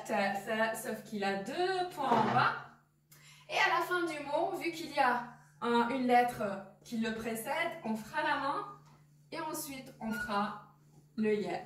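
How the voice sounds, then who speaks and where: Slow, patient woman teaching reading. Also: fairly high pitch, fairly bright tone, reverberant, distant mic. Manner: patient, repeats sounds slowly with examples. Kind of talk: explaining lesson.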